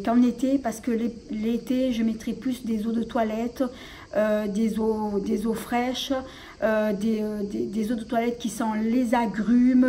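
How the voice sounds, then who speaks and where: A woman's voice: fairly high pitch, mellow, a little hiss or hum, poor audio. A woman vlogger chatting casually about her collection, hesitant and full of fillers and restarts. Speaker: beauty vlogger. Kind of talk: casual show-and-tell vlog.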